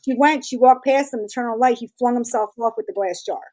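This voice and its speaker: Animated storytelling woman, fairly high voice. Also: quick pace. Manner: animated, laughing, acts out quoted voices. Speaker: guest, tattoo artist and shop owner. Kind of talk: casual storytelling interview.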